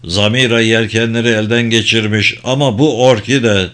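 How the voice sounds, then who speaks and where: A man playing a big, grizzled sea captain in an audiobook, speaking low, grave and measured. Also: fairly even intonation, fairly bright tone, close to an everyday voice. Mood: grim. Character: big, stern, grizzled male ship captain.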